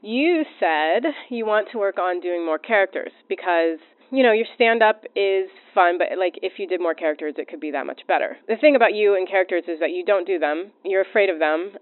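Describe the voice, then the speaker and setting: A woman's voice: lowish voice, brisk, dry recording. Blunt woman on a tinny, phone-like line. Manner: long, blunt, teasing questions.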